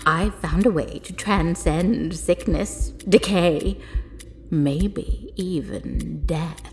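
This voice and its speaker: A woman voicing an ancient, demented female mad scientist who cackles and swings between whispers and loud outbursts. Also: fairly low pitch, drawn-out words, faint music behind. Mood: manic. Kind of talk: audio drama acting.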